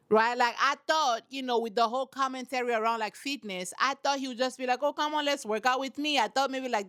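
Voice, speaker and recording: Woman, high pitched, casual reality TV commentary, emphatic, preachy, repeats herself. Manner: animated, talks straight to her audience.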